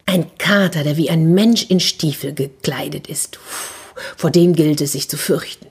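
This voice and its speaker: A woman's voice: low-pitched, fairly even intonation, normal speed, breathy edge. A woman storyteller voicing timid village folk who whisper their awe and fear of a talking cat. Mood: fearful. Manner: hushed, whispery.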